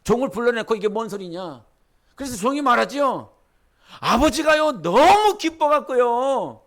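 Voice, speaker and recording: A man's voice: extremely high pitch, sing-song, moderate pace, a bit bright. A man preaching a sermon as pastor, leading the congregation in scripture reading and building to fervent exhortation. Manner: leads congregation in Bible reading.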